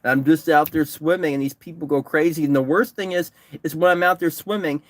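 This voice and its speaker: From his parked car, a sunburned, exhausted distance swimmer chats casually with his livestream audience, reading comments, rambling, and repeating himself. His voice is a little high and steady in tone, he talks fairly quickly, and there is no room sound.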